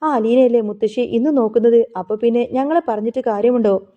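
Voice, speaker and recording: A woman's voice: fairly high pitch, a little fast, close to an everyday voice. A woman voicing a lazy, sneering college-age daughter. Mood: dismissive. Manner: dismissive, sneering. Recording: phone-like narrow sound.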